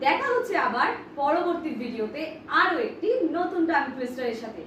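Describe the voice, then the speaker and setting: A woman with a high voice leads an online spoken English lesson. She drills each phrase slowly and clearly and cheers her students on. Her voice rings around a very echoey room, picked up from some distance away. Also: lively intonation, fairly bright tone, a little hiss or hum. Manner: slow, clearly spaced drilling of words; friendly, encouraging to students. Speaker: English teacher.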